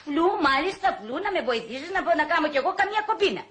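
A brash, bossy comic heroine. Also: female voice, sits high, big pitch swings. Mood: sly, lecturing. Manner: loud, bossy, theatrical exclamations. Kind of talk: 1960s film comedy acting.

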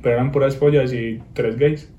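A young man, telling an animated story in casual chat, full of slang. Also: moderate pace, reverberant, lo-fi sound, soft background music. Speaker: guest. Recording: noisy low-quality recording.

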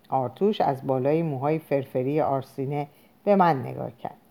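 A woman narrating a novel aloud in an expressive storytelling manner. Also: sits low. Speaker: audiobook narrator. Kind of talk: scripted narration.

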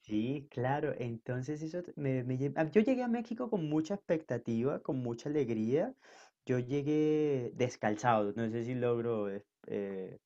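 Earnest Colombian man, mellow voice. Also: mid-range voice, animated, measured pace, dull audio. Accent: Colombian, mixed coastal. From northern Colombia. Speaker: guest. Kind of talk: casual conversation.

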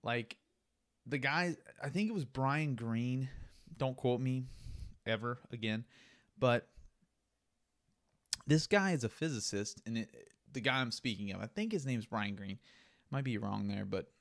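A man rambles through a solo podcast, talking loosely while he drinks beer. His voice sits at an ordinary middle pitch, and his talk is casual and meandering, full of asides. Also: measured pace. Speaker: podcast host.

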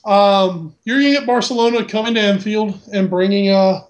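High-voiced man with a mild Southern twang. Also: moderate pace. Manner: dry, teasing humor. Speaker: podcast co-host. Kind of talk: casual sports chat.

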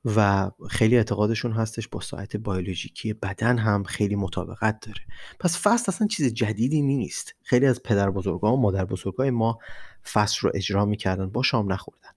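A man with an Iranian Persian accent explains things as a solo podcast host, speaking in a deliberate, emphatic way and repeating words for stress. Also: on the low side, slightly rough.

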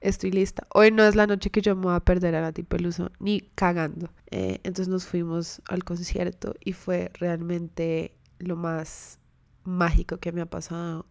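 Low, gravelly woman, chatty and candid. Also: mellow, no room sound. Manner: candid and chatty, swears freely. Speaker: podcast host. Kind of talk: casual storytelling monologue. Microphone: close to the microphone.

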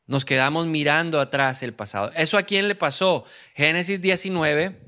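A man's voice: a little high, pushed and bright. A man preaching a sermon, repeating key words for emphasis and putting questions to the congregation. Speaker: pastor.

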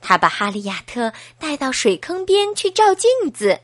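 A woman reading a bedtime story aloud to a child in a slow, sing-song, animated way. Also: on the high side, no echo.

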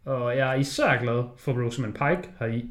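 A man co-hosting a casual film discussion, swearing freely and acting out scenes in quick quoted voices. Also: mid-range voice. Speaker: podcast co-host. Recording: roomy echo.

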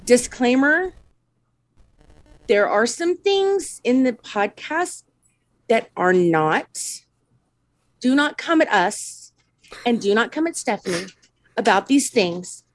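A woman co-hosting a casual podcast, bubbly, quick to laugh and chime in. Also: on the high side, sing-song, no echo, rough recording. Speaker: podcast co-host.

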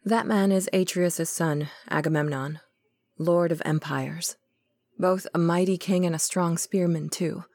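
A woman's voice: on the low side, fairly even intonation, unhurried, a little mellow, dry recording, clean studio sound. A woman playing a remorseful queen. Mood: sorrowful. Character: remorseful beautiful queen, sorrowful and self-reproaching.

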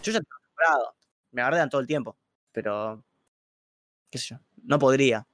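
A young man with a Rioplatense Argentine accent, talking in slangy, animated bursts on a livestream chat. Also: mid-range voice, a little fast, no room sound. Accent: Rioplatense Spanish. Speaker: streamer guest. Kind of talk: casual chat on a stream.

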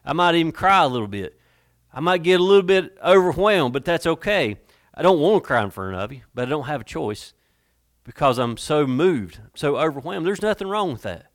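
A male pastor preaching a sermon, earnest and emotional, slowing down for emphasis. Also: on the high side, very animated, no echo, studio quality. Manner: emotional, slows down for emphasis, reads scripture in old-fashioned wording.

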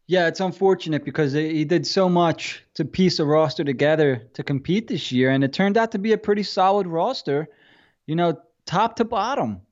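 A man venting on a podcast, firing off exasperated rhetorical questions and swearing heavily. His voice sits a bit high for a man, and the recording sounds slightly dull and lo-fi. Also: moderate pace. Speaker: podcast co-host. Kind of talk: casual sports chat.

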